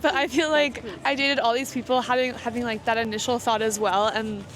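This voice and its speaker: A woman in her thirties talks candidly and chattily in a street interview. Her voice sits a little high. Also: fairly even intonation, a little fast. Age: 30s. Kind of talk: casual street interview answers. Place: outdoors on a city street.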